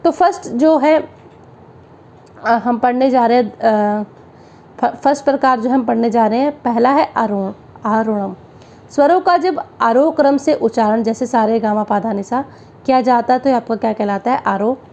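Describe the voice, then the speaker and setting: A woman's voice: on the high side, normal speed, darkish tone, muffled recording. A woman teaching music theory for an exam, asking rhetorical questions and answering them, and singing out note syllables as examples. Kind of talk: exam-prep lecture.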